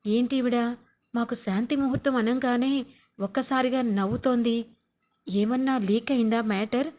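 A nervous young husband quietly fretting that a secret got out, as a woman voices him. The voice stays a touch high. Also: fairly even intonation, moderate pace, natural voice. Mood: anxious. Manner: anxious, muttering to himself.

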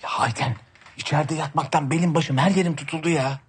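A man's voice: fairly high pitch, steady tone, quick pace, breathy edge. An actor playing a scheming, lazy man who wheedles his wife and brother with melodramatic complaints. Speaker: actor in a TV comedy series.

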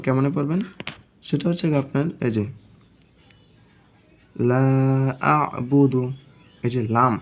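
A man giving a step-by-step reading lesson, explaining slowly and patiently and repeating each point. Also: fairly high pitch. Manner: slow, patient explaining with frequent repetition. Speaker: Quran reading teacher.

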